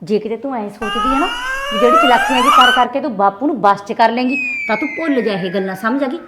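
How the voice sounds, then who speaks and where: A woman's voice: a little high, huge pitch swings, fast talker, heavy background noise. A woman with a Malwai Punjabi accent playing a jealous, scolding younger daughter-in-law. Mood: quarrelling. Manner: quarrelsome, scolding.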